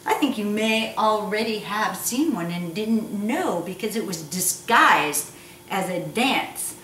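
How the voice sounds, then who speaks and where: The recording, made in an echoey space with background noise and a distant microphone, catches a cooking show host giving a casual how-to chat. She's playful and teasing, with a medium pitch, lively intonation, a slow pace, and a fairly bright tone.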